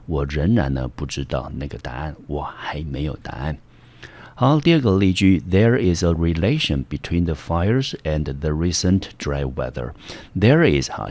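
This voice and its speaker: A man's voice: very deep voice, a little mellow. A man teaching English vocabulary in Mandarin with a Taiwanese accent, explaining step by step with many fillers. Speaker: high school English teacher. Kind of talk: vocabulary lesson.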